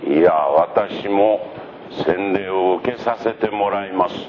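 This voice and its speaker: A man voicing a calm, patient male teacher who speaks gently and in a measured way, in a muffled lo-fi recording with background noise. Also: low-pitched.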